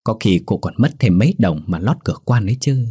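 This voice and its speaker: A man voicing a cheeky, quick-witted young peasant in a folk storybook tale, teasing and mocking. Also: on the low side, expressive, warm tone, slightly rough. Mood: wheedling.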